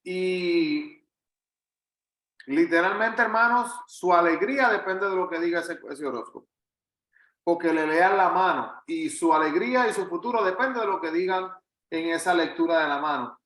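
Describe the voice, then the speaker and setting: A man from Puerto Rico, speaking with a Puerto Rican Spanish accent, leads a Bible study as a pastor, conversational yet earnest and emphatic, repeating phrases for weight. His voice sits high and a bit bright, at a normal pace, with a roomy sound.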